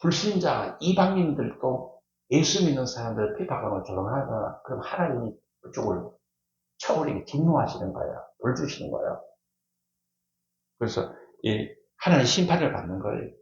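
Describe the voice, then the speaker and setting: Animated male pastor in an echoey church. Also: mid-range voice, moderate pace, slight background noise. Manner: emphatic, repeats key words, asks the congregation questions. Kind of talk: sermon. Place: church sanctuary. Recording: echoey church hall, dull lo-fi sound.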